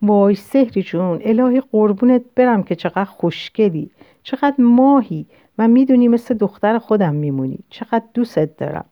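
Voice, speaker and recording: A woman's voice: medium pitch, dry recording, lightly acted. A woman putting on a gushing middle-aged lady. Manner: effusive, flattering. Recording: dull lo-fi recording.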